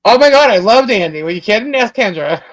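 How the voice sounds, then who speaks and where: A Long Island, New York woman with a fairly high, fairly bright voice hosts a casual live stream, chatty and rambling with lots of laughter. Bad internet makes her cut out, and the sound is dull, dry and lo-fi, with no room sound.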